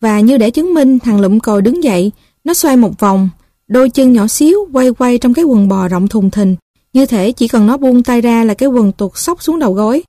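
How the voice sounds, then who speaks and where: A woman with a Southern Vietnamese accent narrating a story in a gentle, even way. Her voice sits a bit high, with a mellow, warm tone, and the recording is close and dry. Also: moderate pace, dry recording. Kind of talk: reading a story aloud.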